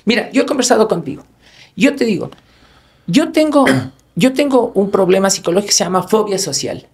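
Tipo hablando con mucha emoción en un podcast, sube y baja la voz todo el tiempo, medio rasposo. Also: male voice, high voice, expressive, brisk, darkish tone. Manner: passionate, emphatic, swears often. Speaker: podcast guest. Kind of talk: emotional podcast conversation.

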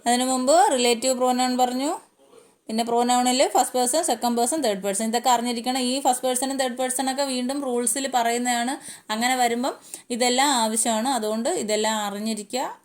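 A woman's voice: fairly high pitch, fairly even intonation, brisk. A woman with a Malayali accent teaching English grammar in a casual spoken lesson, going through terms one by one and repeating them as she explains.

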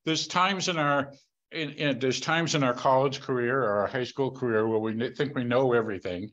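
A man's voice: mid-range voice, normal speed, a bit bright, lo-fi sound. A man joining a conversational Bible study over a video call, earnest and breaking into praise as he talks.

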